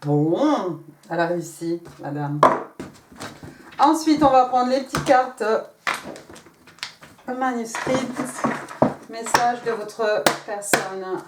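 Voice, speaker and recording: A woman's voice: a little high, expressive, slow, pauses often. Chatty woman reading tarot cards. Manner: chatty, stumbles and repeats words, laughs at herself. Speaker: tarot reader. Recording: roomy, mic at a distance, faint noise.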